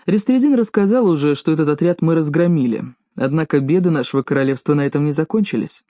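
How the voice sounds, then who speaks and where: A woman narrating an audiobook in an even, measured reading. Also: low-pitched, no echo, studio quality. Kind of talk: scripted narration.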